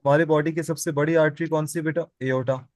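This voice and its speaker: A man's voice: fairly high pitch, fairly even intonation, brisk, a little mellow, no room sound. A man teaching biology in a classroom, asking his students questions and answering them himself, and repeating the key terms. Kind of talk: classroom lecture.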